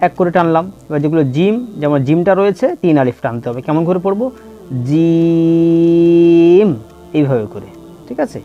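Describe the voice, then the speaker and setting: A man teaching letter pronunciation in a slow lesson, patiently repeating and drawing out each sound for students to follow. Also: a little high, animated. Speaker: Quran reading teacher. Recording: dull lo-fi with faint music.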